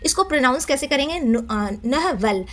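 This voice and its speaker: A woman teaching English pronunciation in a patient, repetitive way, slowing down to spell and repeat words, often checking in with her listeners. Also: high voice, expressive. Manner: patient, repeats words slowly, says "theek hai" often. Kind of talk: explaining pronunciation lesson.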